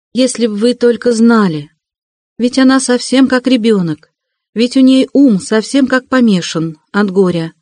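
A man reading an audiobook, voicing a timid, gentle young woman in a raised, soft and fervent voice. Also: sits high, no echo, voice pushed up.

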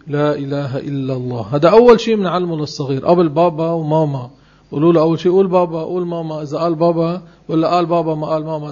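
Male religious teacher, emphatic and slow on key phrases, fairly high voice on a dull recording. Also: mellow. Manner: emphatic, spells out phrases slowly word by word. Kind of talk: religious lesson.

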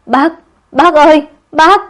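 A woman voicing a frightened young man who begs his uncle for mercy in a whiny, rushed voice. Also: high voice, voice pushed up. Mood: wailing. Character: young man, panicked nephew begging for mercy.

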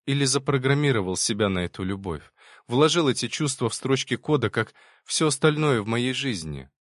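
A man's voice: medium pitch, animated, a little fast, no room sound, studio quality, close to an everyday voice. A man reading the lines of a shaken but resolute young woman in an audiobook. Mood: urgent.

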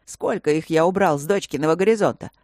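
A woman's voice: deep voice, fast talker, darkish tone, dry recording, clean studio sound, natural voice. Woman doing a grumbling, tipsy father lord. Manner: grumbling, drunken, doting. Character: gruff, tipsy, overprotective middle-aged father, a burly fantasy lord.

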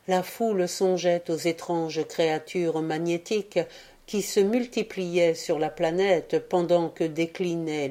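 A woman narrates an audiobook in an unhurried, deliberate way. Her voice sits a little low and sounds soft and dark. Each phrase is given space. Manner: slow, measured reading. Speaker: audiobook reader. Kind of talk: scripted narration.

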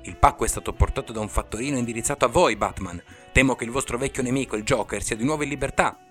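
A man's voice: medium pitch, fast talker, fairly bright tone, faint music behind, lightly acted. A man voicing a jovial middle-aged police commissioner, chatty and fussy over directions. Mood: genial.

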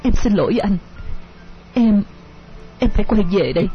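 A man voicing a gentle, sorrowful young woman in an audio story, pleading softly and tearfully. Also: high voice, animated, moderate pace, husky, voice pushed up, heavily acted. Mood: sad. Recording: dull lo-fi audio with music.

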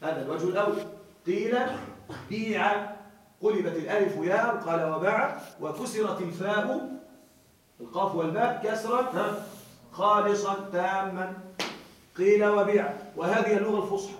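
A man teaching a grammar class, explaining slowly, repeating key words and checking that students follow. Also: high-pitched, a bit bright. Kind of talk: classroom lecture. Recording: very echoey room, voice far from mic.

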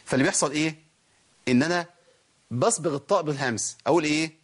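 A man's slightly high voice races along as he teaches Quran recitation in an Egyptian Arabic accent. The tajweed lesson has him explaining every rule and both asking and answering his own questions.

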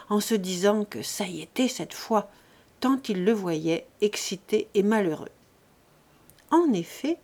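A woman reading a novel aloud for an audiobook, in steady, clear narration. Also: medium pitch. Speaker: audiobook reader.

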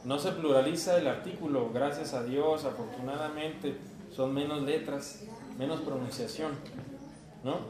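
Slow, patient Mexican man teaching class. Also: fairly high pitch, a crowd in the background. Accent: Mexican Spanish. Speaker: Esperanto teacher. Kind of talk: classroom teaching, translating Esperanto phrases into Spanish. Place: university classroom. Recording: echoey classroom recording.

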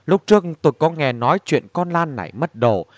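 A man's voice: on the high side, lively intonation, brisk, no room sound, lightly acted. A man voicing an eager, boastful middle-aged villager in a storybook reading.

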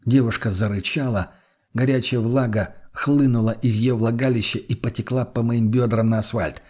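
A man reading a first-person audiobook in a steady, matter-of-fact way, with a husky voice. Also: mid-range voice, moderate pace. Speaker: audiobook narrator.

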